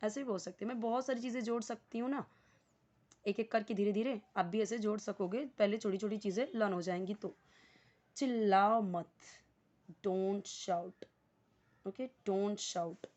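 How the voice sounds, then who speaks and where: A woman with an Indian accent teaching basic spoken English, explaining patiently and repeating each English phrase slowly. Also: medium pitch, steady tone, a little mellow. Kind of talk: spoken English lesson in Hindi.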